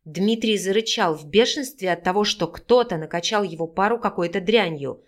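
Woman, audiobook narrator, romance novel, expressive, steady reading, mid pitch. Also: moderate pace.

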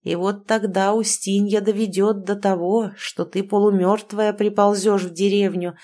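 A kindly old grandfather speaks softly and unhurriedly in an audiobook, voiced by a woman reader. His voice is mellow and sounds tender, and it turns grave when he gives a warning. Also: medium pitch, flat delivery, normal speed, natural voice. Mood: serious. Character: gentle old grandfather, warm and wise.

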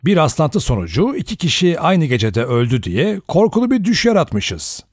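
A man reading an audiobook and voicing a sharp, sardonic male adventurer with quick, mocking retorts, pitching his voice above his own. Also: very animated, breathy edge, no room sound, studio quality. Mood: doubtful.

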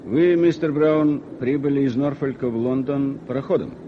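An actor playing a brisk, commanding detective on a chase, giving terse orders, heard as an old radio play recording. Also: male voice, medium pitch, narrow, tinny audio, slight background noise. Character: brisk sharp-witted male detective on a chase.

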